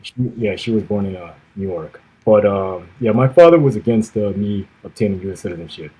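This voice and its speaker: This former navy officer, raised in the United States, speaks quietly in a husky, fairly low and expressive voice while giving conversational answers on a podcast. His delivery is measured, full of "uh" pauses, with soft fade-outs at the end of phrases, and the audio quality is poor.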